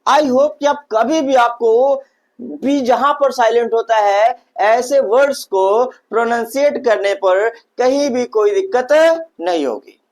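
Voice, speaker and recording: A man's voice: extremely high pitch, takes it slowly. A man teaching an online lesson, who repeats each point and asks and answers his own questions. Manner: repetitive, addresses listeners as brother. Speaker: English teacher.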